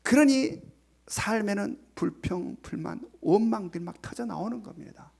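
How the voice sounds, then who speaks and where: Pastor guy preaching in church, high voice, all over the place pitchwise, goes quiet and whispery to drive points home. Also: animated, normal speed, creaky. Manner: dramatic, swings from emphatic to hushed near-whisper; retells a parable with voiced quotes. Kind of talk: sermon. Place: church sanctuary.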